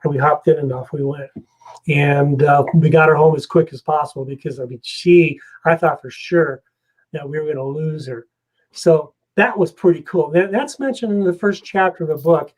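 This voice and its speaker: At a normal pace, a man with a fairly high voice, there as a guest investigator, recounts a story in a relaxed, animated manner, performing the scenes as he goes. The recording sounds rough.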